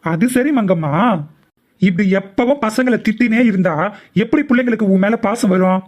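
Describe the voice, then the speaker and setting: A woman voicing a calm, easygoing father who soothes his wife and defends his daughter. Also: medium pitch, moderate pace, voice pushed down, lightly acted. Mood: soothing. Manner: soothing, mild.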